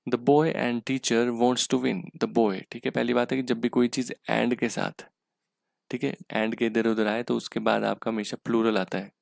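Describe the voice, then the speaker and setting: A man's voice: lowish voice, flat delivery, moderate pace, gravelly, no echo, studio quality. A man teaching an exam-prep English grammar lesson, explaining step by step and asking "ठीक है?" again and again.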